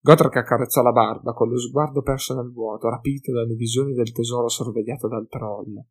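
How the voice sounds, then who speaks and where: A man narrates a fantasy audiobook with a mid-pitched, everyday voice. His storytelling is measured and even between the characters' lines. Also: breathy edge.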